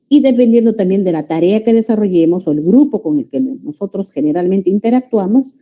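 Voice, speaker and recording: A woman giving a pre-university language lecture, often checking in with her students with a quick "ya?" or "no?". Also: medium pitch, dark tone. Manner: calls students "jóvenes", checks understanding with frequent "¿ya?" and "¿no?". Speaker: language teacher.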